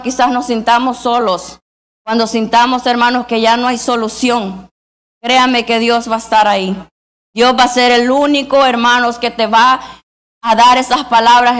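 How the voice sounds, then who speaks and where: A woman's voice: fairly high pitch, a bit bright. A woman preaching a sermon, reading scripture aloud and constantly calling her listeners brothers. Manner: reads scripture aloud then exhorts.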